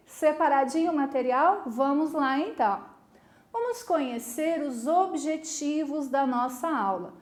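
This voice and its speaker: A woman teaches a recorded video lesson with a high, clear voice. She is patient and encouraging, stopping often to ask if the class is following. The sound rings with the echo of a roomy space. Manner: patient, encouraging, asks the class many check questions.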